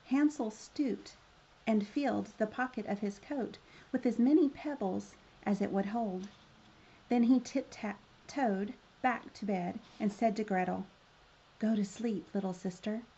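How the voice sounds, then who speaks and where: A woman's voice: mid-range voice, a little slow, mellow, breathy edge, dull audio. A woman reading a children's story aloud as a storyteller, in the manner of a fairy tale opening.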